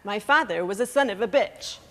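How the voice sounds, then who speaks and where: A woman's voice: medium pitch, animated, a little fast, long reverb tail, close to an everyday voice. A woman playing a tipsy grown daughter who is blunt, sardonic and cold toward her mother in a stage play. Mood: bitter. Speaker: actor.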